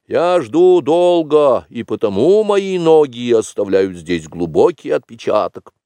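Storybook jungle boy, high and excited, voiced by a male reader, animated lilt. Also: unhurried, clean tone, no echo. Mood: eager. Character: Mowgli, eager young jungle boy tracker.

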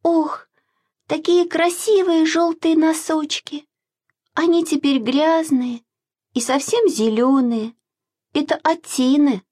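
A woman voicing a lively, teasing little girl in a storybook reading, calling out in a high, excited voice. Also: takes it slowly, dry recording, clean studio sound.

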